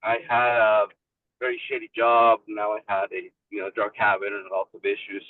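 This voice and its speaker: Speaking at a moderate pace in a fairly low, completely flat voice, this support group member from Mexico tells a casual personal story. He's driving and on a car speakerphone, so the audio comes through a tinny phone line and a far-off mic, and his manner is open and relaxed.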